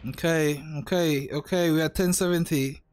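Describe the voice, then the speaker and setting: High-voiced young man reacting. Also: steady tone, normal speed, darkish tone, clean tone, faint music behind. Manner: slangy, profane, repeats himself often. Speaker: anime reaction host. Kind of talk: casual reaction commentary.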